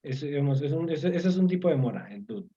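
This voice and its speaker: A man with a fairly high, mellow voice tutors online, unhurried and patient. He repeats each term and keeps checking that the listener follows. The audio is dull and lo-fi, like a video call. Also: lively intonation. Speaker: language teacher.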